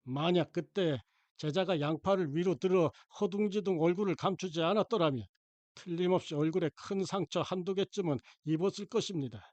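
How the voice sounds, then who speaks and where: A man narrating a short story for an audiobook in a calm, measured storytelling manner into a close mic. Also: high-pitched, no room sound.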